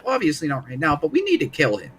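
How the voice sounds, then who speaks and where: A man's voice: fairly high pitch, wildly swooping pitch, fast talker, over a noisy crowd. A man in casual, slangy tabletop game chat.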